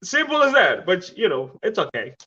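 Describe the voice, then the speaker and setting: A man's voice: high voice, wildly swooping pitch, normal speed, bright, forceful tone, husky, dull audio. A man co-hosting a casual podcast, arguing his side with insistence and some teasing. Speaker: podcast co-host. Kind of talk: casual debate chat.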